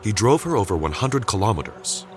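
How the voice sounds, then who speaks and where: A very low-voiced male narrator reads scripted fiction with dramatic, wide-ranging intonation. His phrasing is deliberate and builds suspense, while music plays clearly behind him.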